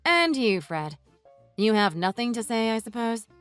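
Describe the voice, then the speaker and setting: A woman voicing a furious wife who mocks and cuts into her in-laws with sarcasm, over soft music. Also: fairly high pitch, sing-song, measured pace, no echo. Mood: sarcastic. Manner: sarcastic, cutting, mocking. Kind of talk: read-aloud text-message story. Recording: dry voice with soft music underneath.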